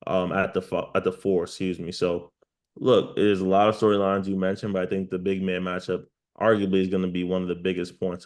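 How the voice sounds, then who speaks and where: Low, even-voiced male sports analyst. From New York. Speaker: sports journalist, interview guest. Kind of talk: basketball analysis in an interview.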